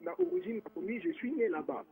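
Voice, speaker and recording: A Moroccan-born man phones in to a radio show over the phone line, chatting casually in a rambling way and often restarting while mixing French with Lingala. His voice is extremely high with big pitch swings, moderate pace and vocal fry, and there's slight background noise.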